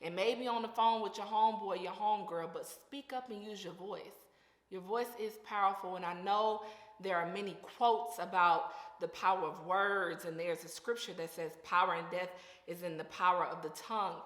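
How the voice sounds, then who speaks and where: A young woman with a lisp talks to her viewers in a casual, earnest way, full of slang and emphatic repeats. Her voice sits at a middling pitch. The room is roomy, and a long reverb trails each phrase. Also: fairly even intonation, normal speed, fairly bright tone. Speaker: vlogger. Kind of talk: casual faith-based encouragement talk.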